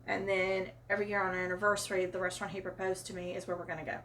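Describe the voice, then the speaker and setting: A woman's voice: on the low side, level tone, very fast, fairly bright tone, a little hiss or hum. A woman from Arkansas with a Southern accent, chattily retelling a personal story for her channel. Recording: voice a bit far from mic.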